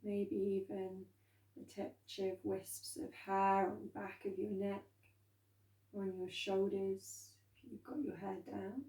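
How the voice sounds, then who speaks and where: A woman instructor leading a calm grounding meditation, speaking gently and unhurriedly with soft pauses. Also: mid-range voice. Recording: roomy echo, distant from microphone.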